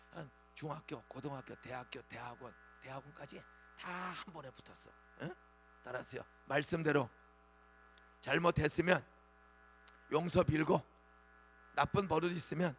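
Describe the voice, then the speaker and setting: In a church sanctuary, a pastor in his sixties preaches a dawn revival sermon, drawing the congregation into lively call-and-response. His pitch is fairly high.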